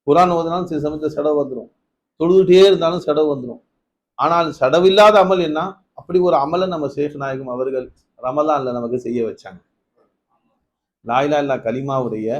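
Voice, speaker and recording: A preacher delivers a Ramadan night sermon, telling stories and asking his listeners questions. His delivery rises to emphatic peaks before dropping low.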